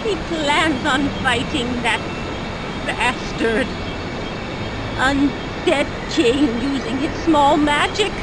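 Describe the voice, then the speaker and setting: A woman's voice: high voice, very slow, very noisy. An actress playing a bitter, sour old village woman in a video game, with a weary, scornful, theatrical delivery. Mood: bitter grief. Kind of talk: dramatic video game voice acting.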